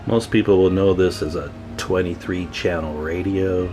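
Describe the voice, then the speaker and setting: Soft background music accompanies a radio repair host working at an indoor workbench and chatting informally with viewers as he tinkers. His voice sits low and dark, steady in tone, at a normal speed, and his style is folksy.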